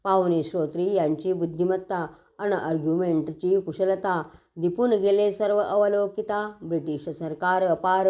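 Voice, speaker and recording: A woman with a Marathi accent reciting devotional scripture verses in a steady sing-song reading, with small slips and restarts. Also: lowish voice, highs cut off.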